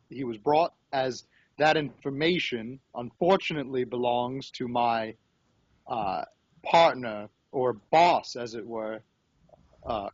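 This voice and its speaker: A man's voice: medium pitch, no room sound. Pompous goblin chief for a tabletop game, male, scheming, voiced by a man, formal courtly phrasing, dull lo-fi podcast sound. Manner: formal, drawn-out courtly speech. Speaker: dungeon master.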